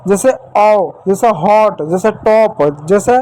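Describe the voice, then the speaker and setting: A man's voice: high voice, darkish tone, rough recording. A man teaching English letter sounds to children in Hindi, patient and repetitive, stopping often to check understanding. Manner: slow, patient, repeats example words and checks with "ठीक". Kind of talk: Hindi phonics lesson for children.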